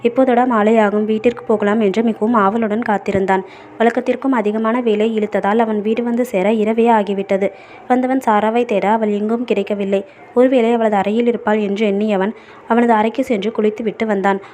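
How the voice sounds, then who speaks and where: A woman storyteller reading a novel aloud in a steady, even narration. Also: a little high, brisk, slight background noise.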